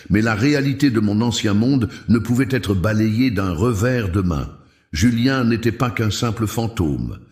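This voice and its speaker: A man narrating a dramatic first-person story in a measured, solemn way. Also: lowish voice, darkish tone. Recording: roomy echo.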